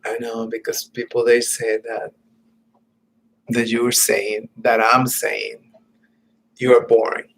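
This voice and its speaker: Slow, halting man rambling to camera. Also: mid-range voice, little pitch movement, vocal fry, fairly bright tone, rough recording. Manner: halting, meandering, many fillers and restarts; drops to muttered, whispered asides. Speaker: vlogger. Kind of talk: casual rambling monologue.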